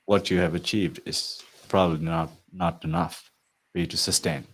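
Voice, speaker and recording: A man with a low voice speaks at a normal speed in a level tone. He's an IT consulting coach making an earnest, persuasive promotional pitch to viewers, often ending sentences with "right?".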